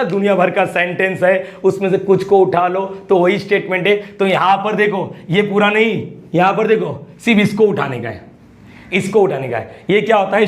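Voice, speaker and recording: A man teaching a math lesson, often repeating his questions and prodding students to answer, mixing casual street with English terms. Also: high-pitched. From Mumbai, India. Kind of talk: lively classroom-style lecture.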